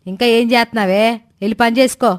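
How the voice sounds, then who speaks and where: A woman voicing a shrewish middle-aged mother-in-law who nags and mocks in a sharp, sarcastic way, in a storybook. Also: on the high side, steady tone, quick pace, no room sound, studio quality, lightly acted. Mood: scolding. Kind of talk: storybook voice acting.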